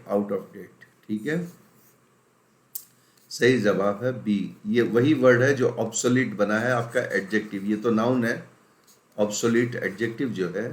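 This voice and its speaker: A man from India teaching an exam-prep vocabulary lesson. He speaks with emphasis, repeats words to drill them and mixes in English phrases. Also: lowish voice. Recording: roomy echo.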